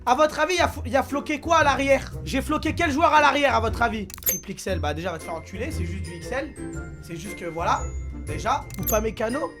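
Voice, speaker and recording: A man's voice: extremely high pitch, lively intonation, fairly quick. A young man streaming live, bantering crudely and jokingly with his chat in a brash, casual way. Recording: music playing behind.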